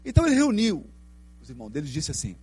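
A middle-aged Brazilian man with a Brazilian Portuguese accent giving a spiritist lecture, telling stories in an animated way and asking the audience questions. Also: fairly high pitch, rapid-fire, slightly rough. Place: lecture hall.

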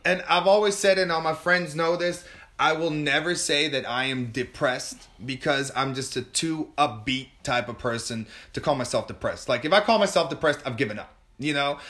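A man guest in an interview telling a candid personal story, animated and emotional, often restarting and repeating words. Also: mid-range voice. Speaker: podcast guest.

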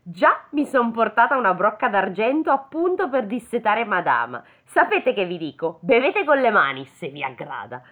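A woman's voice: medium pitch, sing-song, normal speed, few pauses, pitched above the performer's own voice. A woman voicing a haughty, rude young woman in a fairy tale, with a scornful, grumbling drawl. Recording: tinny phone-like sound.

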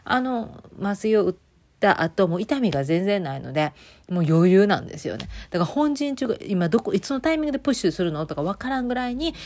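A woman's voice: mid-range voice, a little mellow. A woman with a Kansai accent hosting her own audio show, chatting casually in a rambling way with many fillers and asides. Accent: Kansai Japanese. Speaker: podcast host. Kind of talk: casual solo chat.

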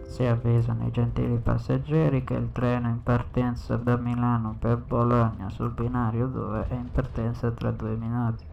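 A man's voice: medium pitch, flat delivery, normal speed, vocal fry, few pauses, lo-fi sound, faint music behind. A man voicing a rude male train station announcer over a station PA system, mock-polite and then crude. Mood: mock formal. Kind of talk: comedy sketch.

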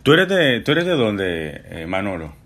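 A man interviewing a guest, halting and often repeating words as he speaks. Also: lowish voice, very animated, a bit bright. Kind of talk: interview conversation.

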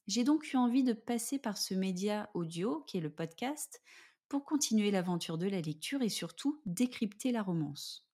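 A woman podcast host reading a scripted narration in a measured, composed and careful way. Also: mid-range voice, animated, dark tone, breathy edge.

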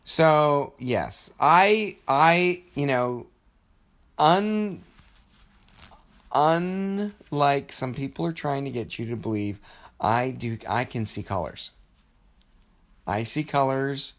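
A man's voice: mid-range voice, slow pace, pauses often. A man co-hosting a casual podcast with his wife, playfully defensive and fond of giving very detailed, rambling explanations. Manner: long-winded, playfully defensive, loves detail. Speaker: podcast co-host. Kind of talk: casual banter between spouses. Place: small studio.

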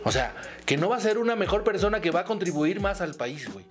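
High-voiced Mexican man joking around. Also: quick pace, music in the background. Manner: animated, slangy, swearing, mock-serious. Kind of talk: casual comedic chat.

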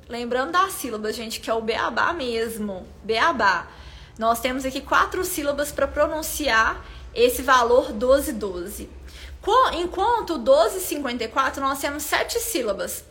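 Female consultant, high pitch, chatty live-stream teacher who keeps checking in with viewers. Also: a bit bright. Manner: chatty, addresses viewers directly with frequent "né?". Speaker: business consultant teaching pricing.

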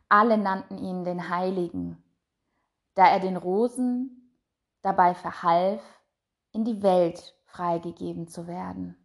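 A woman narrating a fairy tale in a soft, measured voice that trails off quietly. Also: medium pitch, gravelly. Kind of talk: storybook reading.

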